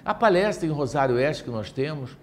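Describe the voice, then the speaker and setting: A man's voice: fairly high pitch, lively intonation, brisk, slight background noise. A middle-aged man with a Brazilian accent, giving a spiritist talk as an emotional personal testimony, full of restarts. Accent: Brazilian Portuguese. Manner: emotional, vivid storytelling with many restarts. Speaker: lecturer at a spiritist center.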